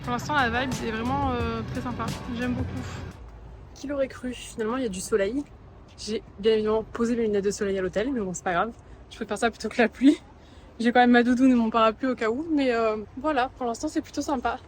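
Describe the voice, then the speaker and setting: A woman's voice: fairly high pitch, fairly even intonation, fast, soft background music, rough recording. A woman casually chatting through a travel vlog while walking around a city, filming on a handheld phone, easygoing, with many fillers. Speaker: travel vlogger. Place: outdoors in a city, partly on a bus.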